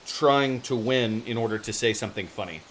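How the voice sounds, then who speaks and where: A man's voice: mid-range voice, normal speed, rough recording. A man chatting casually on a livestream, rambling and often trailing off as he loses his thread. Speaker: live streamer and fiction writer. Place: home office. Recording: steady hiss and room noise.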